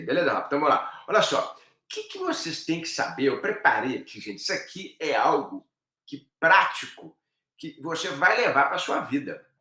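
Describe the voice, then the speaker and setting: A middle-aged Brazilian man teaching a live online law class, lively and addressing his students directly. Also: medium pitch. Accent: Brazilian Portuguese. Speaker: law professor. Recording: echoey room.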